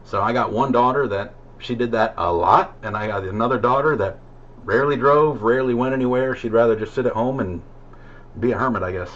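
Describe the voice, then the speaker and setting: A middle-aged American man, an amateur CB radio operator, chats casually in a mid-range voice that is brisk and a bit bright. His talk rambles and hesitates, and it comes through as a muffled CB radio transmission full of static.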